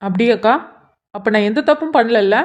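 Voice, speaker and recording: A woman's voice: a little high, fairly quick, highs cut off, close to an everyday voice. Woman voicing an insistent young brother. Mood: probing. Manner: pleading, insistent questioning. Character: earnest young man pressing his elder sister. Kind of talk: cartoon voice acting.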